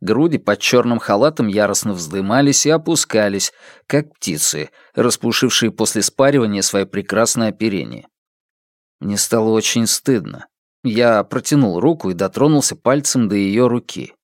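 Male narrator, literary audiobook, lively intonation, dry close sound. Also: fairly low pitch, moderate pace, dry recording. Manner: expressive, varied reading.

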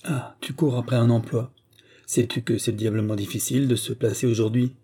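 A man voicing a boisterous, hard-drinking army sergeant who talks loud and jovial, in an audiobook reading. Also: medium pitch, steady tone, fairly quick, breathy edge, natural voice. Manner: loud, swaggering, jovial barrack-room talk.

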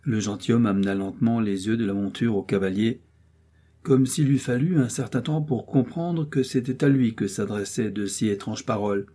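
Brief: male audiobook narrator, mellow and husky, steady measured storytelling. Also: on the low side. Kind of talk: classic novel audiobook narration.

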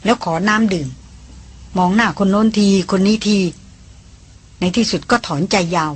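A woman reading a novel aloud as an audiobook narrator, in steady, even narration. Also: medium pitch, normal speed, breathy edge.

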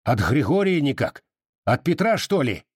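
A man's voice: mid-range voice, very animated, moderate pace, no echo, clean studio sound, pitched above the performer's own voice. A man reading an audiobook voices a stern, impatient old Cossack father who barks his questions. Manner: gruff, barking.

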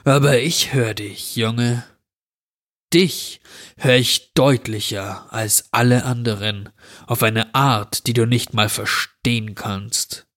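Man voicing a slow, drawling sinister stranger. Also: mid-range voice, steady tone, fairly bright tone. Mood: menacing. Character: sinister drawling man, dirty, menacing wish-granter. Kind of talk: horror story reading.

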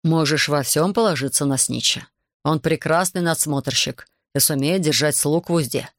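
A woman reading an audiobook, voicing a calm, wealthy male plantation master who talks smoothly and patronizingly. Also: deep voice, moderate pace, no room sound, studio quality. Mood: unruffled.

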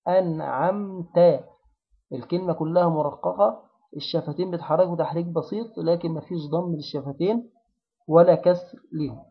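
Egyptian guy teaching recitation, slow drills, fairly high voice, dull lo-fi audio. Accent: Egyptian Arabic. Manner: slow repeated drilling of syllables and words. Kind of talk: tajweed pronunciation lesson.

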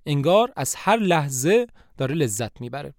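A male podcast narrator retelling a play as a story, with a somewhat high voice. His pitch swings in a lively, animated way. The sound is close and dry, with no room around it. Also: no echo.

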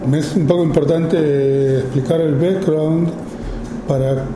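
Slow, halting Argentine man in his fifties. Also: on the high side, fairly even intonation, roomy sound, background noise. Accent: Argentine Spanish. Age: 50s. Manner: slow and halting, many pauses and fillers. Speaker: photographer giving a talk. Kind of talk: informal talk to an audience.

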